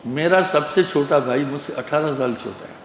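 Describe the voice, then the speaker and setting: A man's voice: a little high, moderate pace, slight background noise. A man giving a sermon as a spiritual teacher, telling stories with humor. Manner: relaxed storytelling with humor. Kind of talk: sermon with anecdotes. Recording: echoey hall with long reverb.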